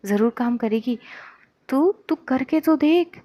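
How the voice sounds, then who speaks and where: A bossy young woman friend who insists she is right and pushes her advice without pause, as a woman storyteller puts her on. Her voice sits a little higher than ordinary talk. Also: lively intonation, dark tone. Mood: insistent. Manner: pushy, insistent.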